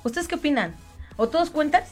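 A woman's voice: sits high, animated, brisk, soft background music. A woman co-hosting a casual radio chat show, laughing often and turning to her listeners with questions. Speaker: radio co-host.

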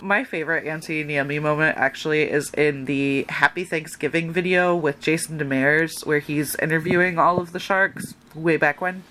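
A woman's voice: low voice, fairly even intonation, normal speed, few pauses, pushed and bright, a little hiss or hum, rough recording. An American woman co-hosting a podcast and writing about sports, chatting casually with lots of laughter and fillers. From United States. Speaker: podcast co-host, sports writer.

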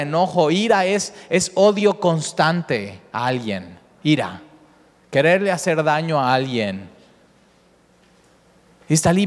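Man preaching in an echoey hall. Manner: animated preaching, often repeats words, rises in pitch for emphasis. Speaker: pastor. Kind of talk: sermon. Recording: echoey hall with long reverb.

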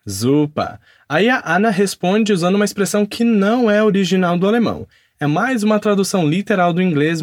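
A man's voice: sits high, dry recording, studio quality. A man teaching a podcast language lesson. He enunciates repeat-after-me drills carefully and follows them with upbeat praise.

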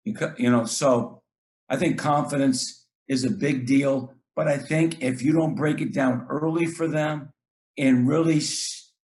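A man's voice: medium pitch, fairly even intonation, a little slow, a little mellow. A middle-aged man, a basketball coach, talking earnestly in casual chat, often repeating words and acting out what he tells his players.

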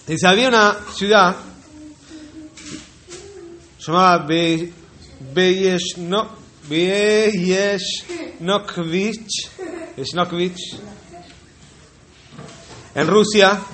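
A man's voice: high voice, sharp tone, slight background noise. A man telling a religious folk tale unhurriedly, repeating words and turning to his listeners with asides. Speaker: storyteller.

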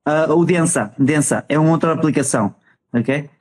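A man with a European Portuguese accent hosting a casual chat in an informal, slangy, halting way. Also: on the high side, a little mellow, husky. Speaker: host.

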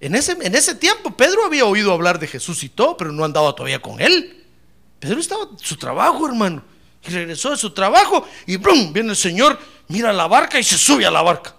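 A male pastor preaching a sermon in an animated way, mixing jokes with fervent calls to the congregation. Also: high-pitched, brisk, gravelly.

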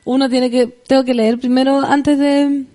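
A woman's voice: high-pitched, level tone, warm tone. A young Chilean woman hosting a casual talk show, reading tweets aloud and joking with slang. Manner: joking, quick and chatty with slang. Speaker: show host.

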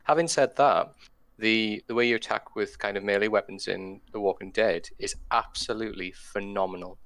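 Enthusiastic low-voiced man. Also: steady tone, normal speed, a bit bright, dry recording. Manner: enthusiastic, rambling with fillers. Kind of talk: casual chat about video games.

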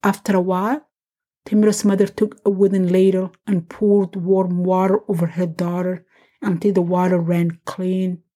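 A woman hosting a podcast, reading a scripted family story in a measured, gentle way. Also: lowish voice, flat delivery.

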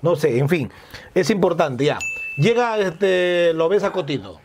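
A man's voice: a little high, lively intonation, measured pace, a little mellow, slight background noise. A man with a Peruvian accent hosting a casual interview, chatty and rambling, often filling his talk with "este" and "ya". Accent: Peruvian Spanish. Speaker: interviewer, host.

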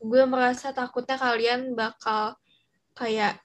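A teenage young woman with a soft, non-rolled R, chatting casually and informally as a podcast co-host. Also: a little high, level tone, slow pace. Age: teens. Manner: chatty, informal, slang with English mixed in.

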